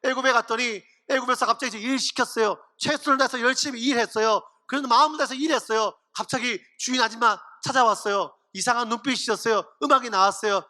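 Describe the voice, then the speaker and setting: A man playing a naive young foreign laborer who speaks in slow, halting, broken sentences. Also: extremely high pitch, sharp tone. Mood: naive complaining.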